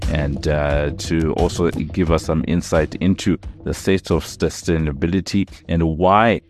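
A man's voice: very deep voice, fairly even intonation, unhurried. A man hosting a business interview podcast, talking with many fillers and restarts. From South Africa. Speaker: podcast host.

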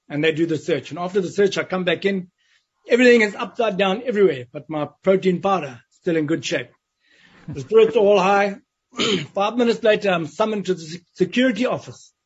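A man's voice: sits high, breathy edge. A man recounting his time in prison as an interview guest, telling it vividly and acting out the voices of others. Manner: vivid storytelling, acts out quoted voices. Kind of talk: storytelling in an interview. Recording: dull lo-fi sound.

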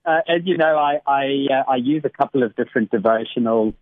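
Speaking briskly at medium pitch, a male academic appears regularly on a radio devotional segment, offering a warm, conversational reflection. He laughs easily and restarts often as he tells a story, on a dry, phone-like radio line.

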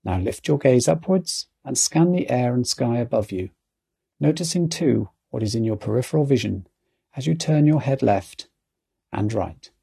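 A man giving calm guided mindfulness narration as an outdoor exercise coach, speaking in a soothing, measured, instructional way. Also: medium pitch, gravelly, slightly rough.

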